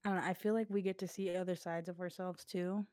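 A young woman with a fairly low voice chats loosely on a podcast, full of "like" fillers and quick asides. She is coughing and breathing hard into the mic. The sound is close and dry. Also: fairly even intonation, a little mellow, dry recording. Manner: chatty, fillers like "like", laughs often. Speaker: podcast co-host. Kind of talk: casual chat.

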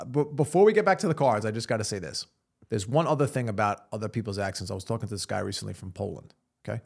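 A man's voice: lowish voice, fast, vocal fry, darkish tone. A man co-hosting a podcast, telling a chatty story. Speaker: podcast co-host. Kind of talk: casual chat.

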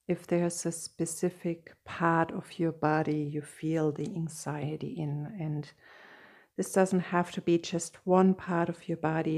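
A woman guiding a meditation in a slow, soft and soothing manner, with long pauses. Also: low-pitched. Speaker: meditation guide. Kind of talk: guided meditation.

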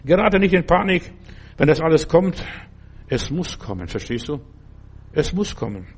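An older man preaching a sermon, repeating his exhortations earnestly and dropping at times to a soft, slow, reassuring tone. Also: fairly high pitch, big pitch swings, breathy edge.

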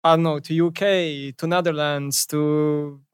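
A man's voice: a little high, steady tone, measured pace, clean tone, no room sound, studio quality. A young man from Slovenia with a Slovenian accent, a gamer guest chatting casually in a blunt, nonchalant way. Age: young adult. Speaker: esports pro gamer guest. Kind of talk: casual interview chat.

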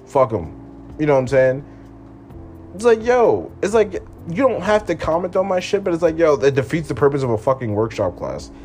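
A man's voice: a little high, big pitch swings, a little fast, darkish tone, faint music behind. A man in his twenties delivering a frustrated, profane late-night solo rant from his room at home, repeating himself as he vents. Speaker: podcast host.

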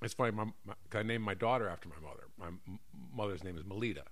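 Talking very fast in a fairly low voice, this middle-aged American rambles through a comic, casual chat. He's animated and keeps correcting himself along the way.

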